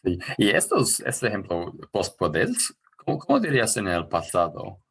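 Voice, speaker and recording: A man's voice: sits low, huge pitch swings, normal speed, creaky, fairly bright tone, husky. A man from New Zealand who speaks natively, hosting the talk and asking careful questions with small hesitations. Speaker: host. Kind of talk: casual interview.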